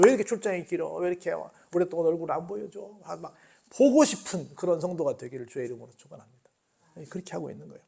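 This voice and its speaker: A male pastor giving a sermon, acting out quoted lines and swinging between loud outbursts and hushed asides. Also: a little high, slightly rough. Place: church.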